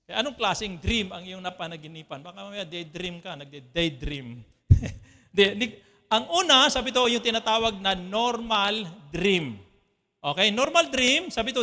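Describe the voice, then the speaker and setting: Male pastor from the Philippines, high bright voice, chatty sermon delivery that checks in with the congregation. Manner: conversational preaching with frequent "ano po" checks to the congregation. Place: church.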